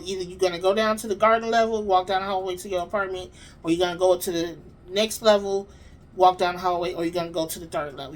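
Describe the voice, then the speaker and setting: A woman vlogger tells a personal story to her viewers in a loose, animated, conversational way. She speaks straight to her audience, and her voice sits at an ordinary middle pitch. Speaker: vlog host.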